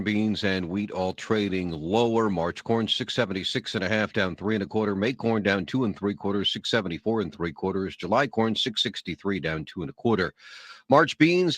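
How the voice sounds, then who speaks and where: A man reporting farm commodity prices on a radio network, reading a brisk list of figures. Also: lowish voice, a bit bright, no room sound.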